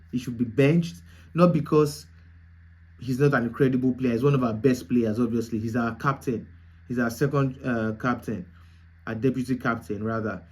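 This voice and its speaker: A man's voice: mid-range voice, warm tone. A young man hosting a football reaction video, talking casually and repeating his points for emphasis. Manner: repetitive, emphatic, restarts phrases. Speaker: football channel host.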